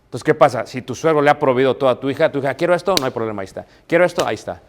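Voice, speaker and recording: A man's voice: mid-range voice, very fast, a little hiss or hum. A middle-aged man with a Mexican accent preaching a sermon on marriage. He stresses his points, repeats key phrases and asks rhetorical questions. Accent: Mexican Spanish.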